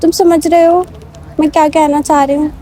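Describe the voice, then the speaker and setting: A woman's voice: high voice, little pitch movement, normal speed, dark tone, a little hiss or hum, poor audio. A young woman talking a man as she vlogs, pleading and soothing, mixing into her speech and repeating herself often. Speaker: vlogger. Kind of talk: emotional staged vlog conversation.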